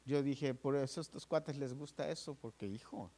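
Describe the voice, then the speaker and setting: A man's voice: fairly high pitch, normal speed. A man preaching, telling his own hospital story to the congregation, calling them brothers and acting out each voice. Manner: animated storytelling, addresses listeners as brothers; acts out dialogue with doctors and nurses. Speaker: pastor. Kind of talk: sermon testimony.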